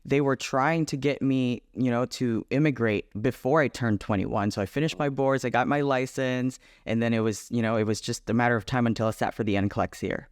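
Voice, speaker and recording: A man in his thirties from the Philippines with a Filipino accent, a nurse chatting as a guest on a video call interview, upbeat and quick to laugh. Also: mid-range voice, steady tone, smooth, no room sound, studio quality. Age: 30s. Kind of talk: casual interview chat.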